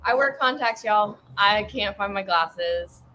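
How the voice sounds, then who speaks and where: A woman co-hosts a casual podcast. She rambles through her side of a story in a chatty way. Her mid-pitched voice comes with faint room noise behind it. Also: measured pace, bright, forceful tone. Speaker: podcast co-host. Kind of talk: casual chat.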